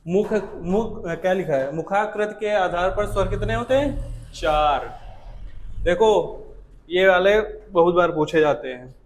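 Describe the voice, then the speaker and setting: High-voiced teacher in an echoey classroom. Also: male voice, expressive, measured pace, a little hiss or hum. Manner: demonstrates sounds aloud, checks if students follow. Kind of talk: classroom lecture.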